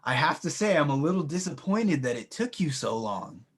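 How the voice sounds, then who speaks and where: A man's voice: fairly high pitch, very animated, normal speed, husky. A man doing a smug young villain who taunts. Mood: smug taunting. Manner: taunting, condescending. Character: smug, mocking young male water bender villain.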